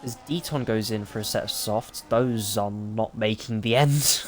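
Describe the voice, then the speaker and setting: A man giving excitable, rapid play-by-play as the lead commentator of a live sim racing broadcast. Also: on the low side, a little hiss or hum.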